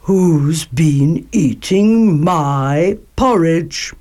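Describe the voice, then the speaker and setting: A woman voicing a big father bear in a storybook reading, in a low, growly, slow manner. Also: expressive, dark tone, full character voice. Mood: gruff.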